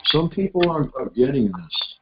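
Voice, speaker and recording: A man hosting a casual call-in chat, sounding like he is on a speakerphone, halting with fillers. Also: fairly high pitch, sing-song, dull audio, very noisy. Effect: sounds like a speakerphone with echo. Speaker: call-in show host.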